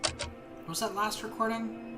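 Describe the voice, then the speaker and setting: A man's voice: high voice, level tone, unhurried, over loud music. Young man muttering through a game. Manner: muttering, reads notes aloud, stumbles over words. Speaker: gamer. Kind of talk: let's play commentary.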